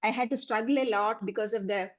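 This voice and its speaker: A woman's voice: on the high side, steady tone, fast talker. Malayali-accented woman, dull lo-fi sound. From Kerala, India. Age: 40s. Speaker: dietitian giving a talk about her career. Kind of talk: personal presentation recounting a career journey.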